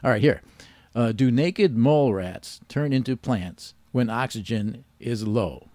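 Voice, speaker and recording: A man's voice: mid-range voice, lively intonation, measured pace, dark tone, no room sound. A man hosting a radio quiz show, teasing the caller with dry wisecracks. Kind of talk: joking quiz banter.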